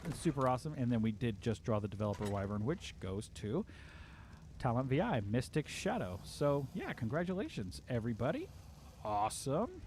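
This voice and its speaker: Very animated and a bit fast, this medium-pitched, darkish-toned man hosts a laid-back game livestream from home. He chats cheerfully and reads out comments from viewers, with a little hiss or hum in the background.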